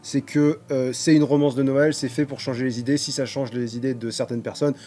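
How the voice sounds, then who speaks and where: A man's voice: medium pitch, little pitch movement, fairly quick, warm tone, slight background noise. A man co-hosting a casual book chat, playful and laughing often, hesitating with fillers as he gives his opinion. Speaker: book reviewer, co-host.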